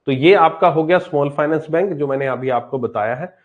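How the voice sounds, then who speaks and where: A man's voice: on the high side, a little fast, narrow, tinny audio. A man teaching a banking exam class live online, talking casually and answering students' chat questions as he goes.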